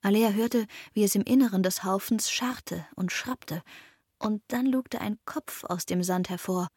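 A woman narrating a children's fantasy story in lively, expressive audiobook style. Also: mid-range voice, a little slow, husky, no echo, clean studio sound.

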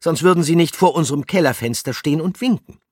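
A man voicing a small, plump, cheerful male mouse in a children's story, calling out in a high, lively voice. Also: fast talker, slightly rough, no echo, clean studio sound. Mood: reasoning.

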